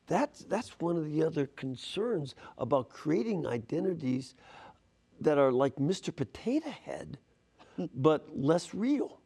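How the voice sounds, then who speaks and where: A Polish American man, a priest hosting the show, responding thoughtfully and at a measured pace. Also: fairly high pitch, creaky, warm tone, breathy edge. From United States, Polish American. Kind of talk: reflective conversational interview.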